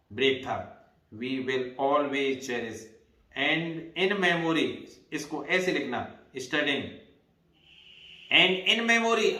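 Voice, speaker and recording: A man teaching an exam-prep English lesson, explaining slowly and repeating phrases while calling his students brother. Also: fairly high pitch, bright, forceful tone, roomy sound, distant mic, low-quality recording.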